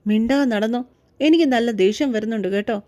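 A woman voicing a proud, worried young mother in a read-aloud story, pleading one moment and sharp with her child the next. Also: fairly high pitch, fast, close to an everyday voice. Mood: irritated. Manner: pleading, then sharp and irritated. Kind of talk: audiobook story reading.

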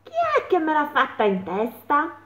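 A woman doing a squeaky little nearsighted mole. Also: huge pitch swings, a little slow, fairly bright tone, exaggerated voice. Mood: disgusted. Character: small nearsighted female mole, indignant and curious. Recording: echoey room, tinny phone-like sound.

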